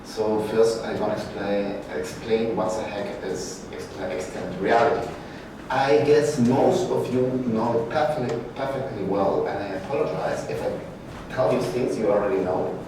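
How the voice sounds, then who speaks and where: A middle-aged Peruvian guest speaker, a lecturer from an art faculty, gives a conference talk in halting English, hunting for words and correcting himself. His voice sits on the low side. A far room camera with no mic picks him up in a large, very echoey brick-walled event room indoors, with background noise.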